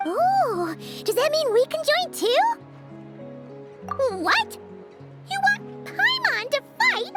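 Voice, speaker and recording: A woman voicing a tiny, boastful, childlike fairy companion in a video game, talking in an excitable, exclamatory way. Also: extremely high pitch, takes it slowly, pauses often, over loud music, full character voice. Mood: curious, surprised. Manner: refers to self in third person, exclamatory.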